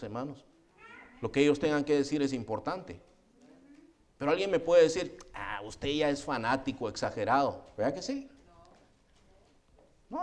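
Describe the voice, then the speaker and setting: A middle-aged man preaching a sermon as pastor, animated and often calling listeners "hermano". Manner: acts out quoted voices with rising pitch.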